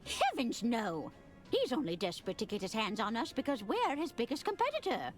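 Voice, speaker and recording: A woman's voice: on the high side, huge pitch swings, brisk, soft background music. A woman playing an elderly, shrewd railway matriarch in a comedic game, grand, wry and amused. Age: older. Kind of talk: comedic adventure game acting.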